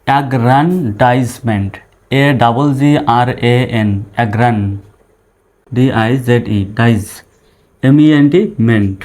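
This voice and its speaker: A man teaching English pronunciation, spelling each word letter by letter and then saying it slowly in syllables. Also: mid-range voice, a little mellow.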